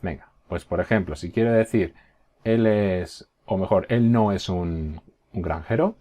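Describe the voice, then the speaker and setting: A male teacher giving a recorded class, patiently explaining and slowly modeling example phrases, often checking in with his students. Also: deep voice, mellow. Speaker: English teacher.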